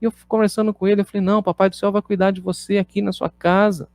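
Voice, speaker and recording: A man with a Brazilian Portuguese accent delivers a sermon with fervent, storytelling energy. His voice sits fairly high for a man and leans on repeated questions. The recording is close and dry, with little room sound. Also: flat delivery, very fast, a little mellow, dry recording. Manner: impassioned preaching with storytelling, repeated rhetorical questions. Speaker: pastor.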